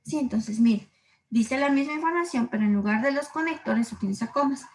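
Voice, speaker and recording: Patient woman teacher, higher voice. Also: darkish tone, poor audio. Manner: patient, repeats examples slowly and checks in with short questions. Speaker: language teacher. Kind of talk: explaining literary figures in a class.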